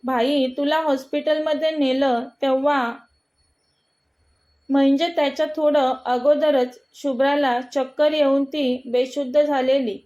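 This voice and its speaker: A nervous young girl in a storybook reading, voiced by a woman narrator, hesitant and unsure of herself. Her voice sits high. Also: fairly even intonation, measured pace, darkish tone, dull audio. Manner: hesitant, stammering.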